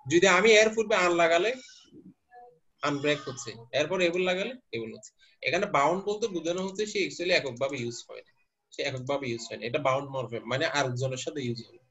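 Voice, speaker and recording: A man's voice: a little high, lively intonation, fast talker, a bit bright, slight background noise. A male teacher lecturing a class step by step and quizzing his students as he goes. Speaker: university teacher. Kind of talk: lecturing class, mixing English terms. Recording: muffled lo-fi class recording.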